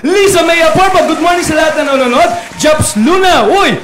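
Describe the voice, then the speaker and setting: A woman co-hosting a live business show, reading viewer comments aloud with frequent laughter and occasional shouts. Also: extremely high pitch, expressive, moderate pace, very noisy. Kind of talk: lively live-stream chat. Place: studio. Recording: roomy studio echo.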